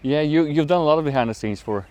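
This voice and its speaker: A man co-hosting a podcast, retelling a plot in a halting, rambling way while strolling outdoors. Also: fairly high pitch, darkish tone. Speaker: podcast co-host. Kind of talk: casual chat while walking.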